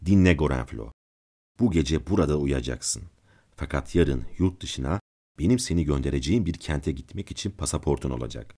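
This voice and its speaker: A man's voice: a bass voice, mellow, breathy edge, heavily acted. A man voicing a cold, controlling nobleman count in a storybook reading, giving stern commands.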